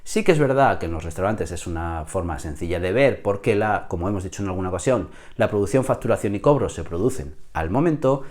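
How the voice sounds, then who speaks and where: A man with a hoarse voice, explaining business mistakes to camera as a consultant, often checking in with the viewer. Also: low voice, animated, fast talker, hardly any pauses, darkish tone.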